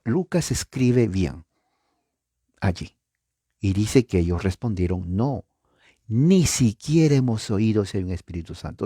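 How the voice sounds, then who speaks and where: A male preacher giving an animated Bible teaching, his pitch swinging widely as he stresses points and puts questions to his listeners. His voice is low, dark and a little husky, recorded close and dry with no room sound. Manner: animated, pitch jumps up for emphasis and acted-out echoes; addresses listeners with rhetorical questions.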